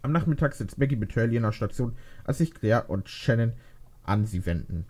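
A man reads a fan fiction story aloud over gameplay in a relaxed, casual way, tripping over words and fixing them as he goes. His voice is dark and mellow at a middling pitch. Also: brisk. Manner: casual, stumbles and corrects himself. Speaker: youtuber reading fan fiction.

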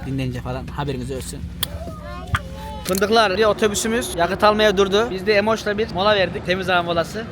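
A young man from Kayseri, Turkey, vlogging a bus trip with excitable, slangy, often shouted talk on a handheld phone outdoors. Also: sits high, fast talker. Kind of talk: casual travel vlog. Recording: background music under speech.

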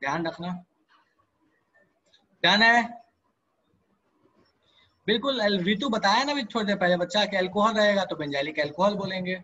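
A man's voice: high voice, moderate pace, pauses often, bright, forceful tone, muffled recording. A man teaching chemistry in a live online class, coaxing students with repeated checks, mixing English terms into Hindi, and answering questions from students by name. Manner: coaxing, repeats "ठीक है" and "ध्यान दो", asks and answers own questions.

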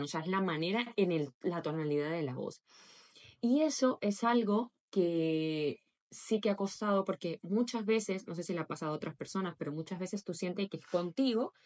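A young woman from Latin America speaks in a mid-range voice, relaxed and conversational. She vlogs to her followers in a chatty, expressive way and briefly acts out the voices of the people she quotes. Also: medium pitch. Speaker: vlogger. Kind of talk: casual vlog monologue.

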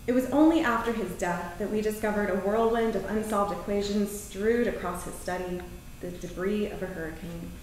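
A poet in her thirties reads her poetry and prose at a live event on an indoor theater stage, giving short spoken introductions in a measured, deliberate manner. Her voice is medium-pitched with a darkish tone. A distant camera mic captures her amid heavy theater echo and faint noise.

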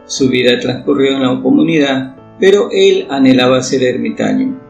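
A man reads a devotional prayer aloud with a solemn, pleading, measured delivery. His voice is gravelly with fry, and it rings through a heavily reverberant room with a long tail. Soft guitar plays faintly behind him. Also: mid-range voice. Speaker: prayer reader.

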